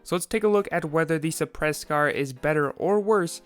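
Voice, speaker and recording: Higher-voiced man, slightly raspy from sore throat. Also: moderate pace, faint music behind. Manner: explanatory, methodical. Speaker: video game explainer host. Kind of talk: scripted narration, game analysis.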